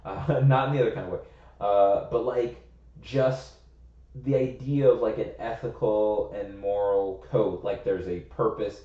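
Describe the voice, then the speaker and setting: A young man from the US co-hosts a podcast at a slightly slow pace, his fairly low voice holding a steady tone. He rambles casually, thinking as he talks and leaning hard on "like," in a roomy, slightly muffled recording.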